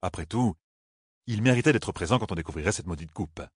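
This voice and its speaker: A man narrating a fantasy novel as a steady audiobook reader. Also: low voice, a little fast, husky, no echo, clean studio sound. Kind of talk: scripted narration.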